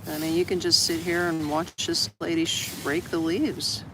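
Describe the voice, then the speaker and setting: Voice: mid-range voice, level tone, moderate pace. An older American from Florida chatting casually on a live stream, rambling and reading out viewer comments. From USA (Orlando, Florida). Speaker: livestream vlogger. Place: open shed in a city park, outdoors. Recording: outdoor street traffic noise. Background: street traffic.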